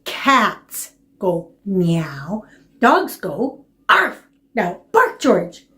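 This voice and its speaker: A woman voicing a patient mother dog from a storybook, correcting her puppy slowly and emphatically, as if reading to a toddler. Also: mid-range voice, wildly swooping pitch, pushed and bright, exaggerated voice. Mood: patient, insistent.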